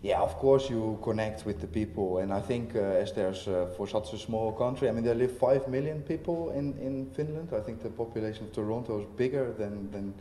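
In a roomy hall with a little faint noise, a man who is a visiting artist chats on a casual festival panel. His voice is lowish and mellow, and he stumbles along with frequent fillers and false starts.

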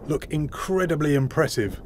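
A man's voice: fairly high pitch, lively intonation, normal speed, slight background noise. A man presenting a documentary walking tour, narrating and interviewing with marvelling enthusiasm on open downland. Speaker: landscape archaeologist presenter.

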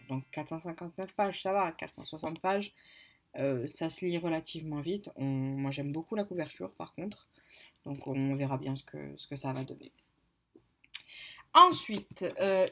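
A woman's voice: fairly low pitch, fairly bright tone. A woman casually presenting her reading list, hesitant, with many fillers and self-corrections. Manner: apologetic about pronunciation. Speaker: book vlogger. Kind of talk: casual book haul chat.

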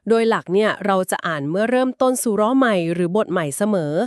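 A woman co-hosting a podcast, calmly and patiently explaining things step by step. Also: medium pitch, fast talker, dry recording, studio quality. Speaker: podcast co-host explaining Quran etiquette.

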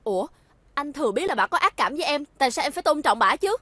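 An actress playing a jealous, sharp-tongued young fiancée, needling and confrontational. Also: female voice, high voice, big pitch swings, quick pace, no echo, exaggerated voice.

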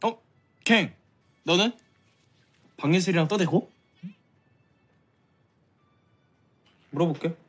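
A young man playing a lovestruck, whiny and excitable high school boy in a youthful TV drama, expressive and pleading. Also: normal speed, breathy edge. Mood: smug, scolding. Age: young adult. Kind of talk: Korean television drama acting, youthful comedy.

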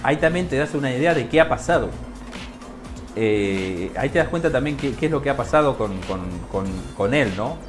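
A man chatting on a live stream in a hesitant, halting way, greeting viewers. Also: medium pitch, animated, music in the background. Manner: hesitant, halting, many fillers. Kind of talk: casual live-stream chat.

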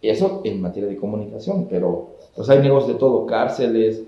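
A man's voice: lowish voice, a little fast. Middle-aged man explaining in an echoey office. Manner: steady, explanatory, builds points in lists. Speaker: government communications official, guest. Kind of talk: measured political interview answers. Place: indoor office with wooden cabinets. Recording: roomy, slightly dull office sound.

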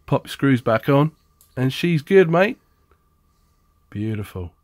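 A man's voice: mid-range voice, sing-song, slow pace, a little mellow, no room sound, clean studio sound. A man explaining appliance repair in a casual, chatty how-to style, blunt and jokey, with a sarcastic streak.

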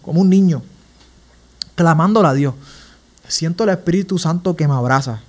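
Earnest Puerto Rican man, slightly high voice. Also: moderate pace, a little mellow. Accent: Puerto Rican Spanish. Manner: earnest, emotional storytelling. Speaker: podcast guest. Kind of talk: personal testimony in a casual interview.

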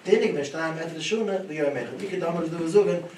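Animated man teaching in an echoey room. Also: fairly high pitch, fast. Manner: animated, rising and dropping sharply as he tells the stories. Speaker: Talmud teacher. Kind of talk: Talmud lesson. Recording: echoey room, voice from a distance, clear background noise.

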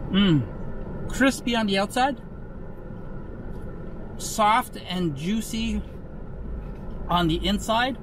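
A man's voice: sits high, takes it slowly, long pauses, background noise. A man reviewing food in a casual vlog, talking with his mouth full of food and chewing as he muses aloud. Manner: chewing while commenting, musing aloud. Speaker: food vlogger.

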